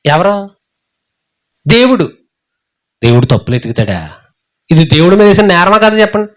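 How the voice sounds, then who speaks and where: A man's voice: high-pitched, normal speed. A man preaching a sermon as a pastor, who keeps asking the congregation questions and acts out the quotes. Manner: animated, asks the congregation rhetorical questions, acts out the scripture quotes. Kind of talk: Telugu Bible sermon.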